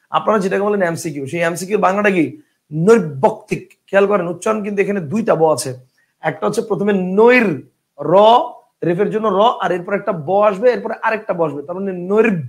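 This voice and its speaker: A man teaching an online spelling class, explaining rules through many examples and often checking that students follow. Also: sits high. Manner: repeats words slowly to drill spelling.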